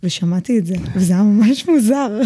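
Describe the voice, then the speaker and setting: A woman's voice: medium pitch, animated, mellow, slightly rough. A woman guest on a podcast, talking casually and hesitantly, with many fillers. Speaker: podcast guest, learning and development manager. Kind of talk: casual conversation.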